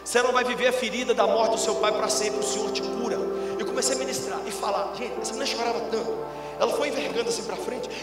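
A middle-aged man from Brazil, a pastor preaching a sermon through a long story, going from loud bursts to hushed lines. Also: high-pitched, steady tone, fast talker. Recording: music and long reverb in a big hall.

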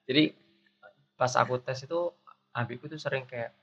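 A man in his twenties with a pinched, shrill voice, chatting casually and jokingly as a podcast host. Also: steady tone, moderate pace, fairly bright tone. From Surabaya, Indonesia. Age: 20s. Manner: self-deprecating, joking, informal. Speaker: guest host interviewing the podcast's founder. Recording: dull lo-fi audio with clear background noise.

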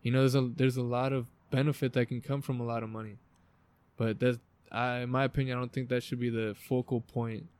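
A man's voice: mid-range voice, flat delivery, brisk, a little mellow, clean tone. A man with an American accent hosting a podcast in a backyard, chatting informally and emphatically with frequent swearing in a motivational way. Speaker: podcast host. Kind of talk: casual motivational podcast chat. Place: outdoors in a backyard.

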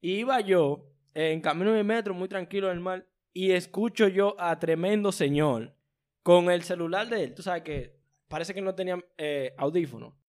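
A man's voice: sits high, normal speed. A man with a Dominican accent in a casual chat with friends, telling stories animatedly with slang. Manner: animated storytelling, uses slang. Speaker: panelist.

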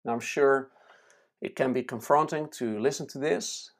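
A self-help teacher speaking in a slow, deliberate way, reading lists with pauses and explaining ideas with small restarts and fillers. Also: mid-range voice. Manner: measured, reads lists slowly with pauses.

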